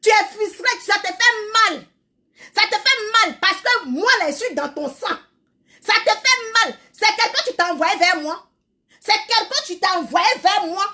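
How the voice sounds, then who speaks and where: A woman delivering a loud, scolding rant full of repeated insults. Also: very high voice. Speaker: social media creator. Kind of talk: angry insult-filled rant.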